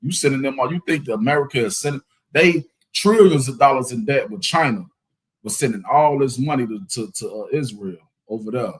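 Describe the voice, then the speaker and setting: A man co-hosting a live talk show, making animated, heated religious commentary. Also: medium pitch, a little fast, husky, low-quality recording. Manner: animated, loops "you know what I'm saying", agrees loudly. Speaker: podcast co-host.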